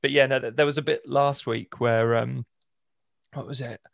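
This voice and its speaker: British guy hosting a podcast, chill and self-mocking, bit of vocal fry, dry sound. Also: medium pitch, steady tone, moderate pace, no echo. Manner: laid-back, self-mocking, laughs often. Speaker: podcast host and editor. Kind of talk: casual banter.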